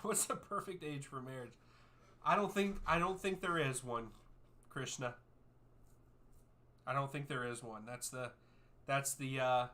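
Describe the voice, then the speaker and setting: Male streamer in his thirties, bright and punchy tone, casual back-and-forth with live chat. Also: mid-range voice. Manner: easygoing, reads out chat names and answers at length. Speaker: streamer hosting a soccer watchalong. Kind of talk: live-stream chat, answering viewer questions.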